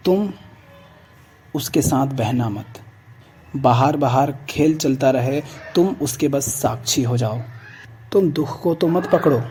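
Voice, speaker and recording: Calm man giving a spiritual discourse. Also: medium pitch, slight background noise. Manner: calm, measured preaching with repeated exhortations. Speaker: spiritual speaker.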